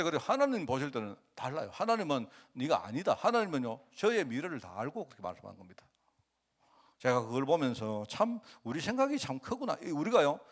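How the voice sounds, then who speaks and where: A male pastor preaching a conversational sermon in a church, often asking the congregation rhetorical questions. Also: a little high.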